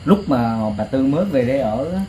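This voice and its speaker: A woman's voice: very deep voice, animated, brisk, warm tone, slight background noise, poor audio. A woman interviewer asking eager, deferential questions in casual conversation.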